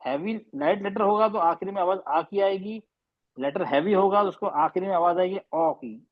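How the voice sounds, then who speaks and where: A man's voice: sits high, animated, gravelly. Patient male recitation teacher, lo-fi. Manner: patient, slow demonstrating drills. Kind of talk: online tajweed class correction.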